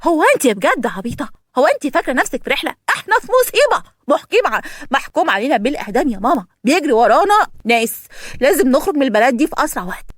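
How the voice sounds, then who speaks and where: A sharp-tongued young fugitive woman, impatient and mocking, as a woman acts her out. She talks high and fast, close and dry. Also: sing-song, no echo. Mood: scornful.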